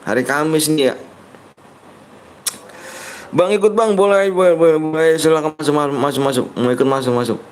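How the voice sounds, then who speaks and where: A man's voice: fairly high pitch, fairly quick, long pauses, a little hiss or hum. A man streaming a mobile game live, chatting in slang and reading out viewers' messages. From Indonesia. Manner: slangy, joking, reads viewers' chat aloud. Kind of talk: casual live-stream chat.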